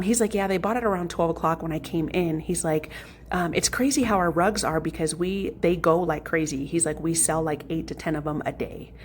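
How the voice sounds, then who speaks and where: A woman home vlogger casually telling viewers a story, chatty and animated, often saying "y'all". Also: deep voice, a little hiss or hum.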